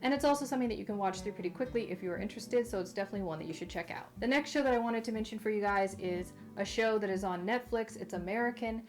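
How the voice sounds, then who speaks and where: Casting: female vlog host, chatty and emphatic, mid-pitched, talking post wisdom tooth surgery, music behind her. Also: racing, hardly any pauses, darkish tone. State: mouth affected after wisdom tooth removal. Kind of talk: casual recommendation vlog to viewers.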